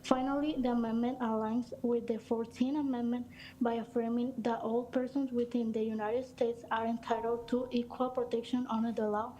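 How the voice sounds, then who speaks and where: A student, a young woman, reading a prepared public comment at a school board meeting in a formal, steady way with small slips. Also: a little high, moderate pace, slight background noise, low-quality recording. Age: teens.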